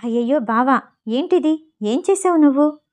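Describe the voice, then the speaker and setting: A woman's voice: sits high, expressive, moderate pace, darkish tone. A woman doing a bossy, teasing young woman. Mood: alarmed.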